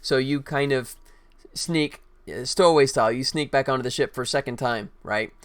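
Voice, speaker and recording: His voice is mid-range, clear and resonant, at a normal speed. He's a man hosting an easygoing game development stream, speaking directly and informally to viewers as he shows what he's working on.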